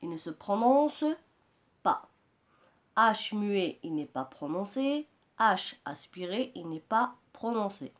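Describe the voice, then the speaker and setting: A woman teacher slowly explaining pronunciation rules to her students, repeating key words. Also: mid-range voice, big pitch swings. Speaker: French teacher. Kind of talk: slow classroom explanation.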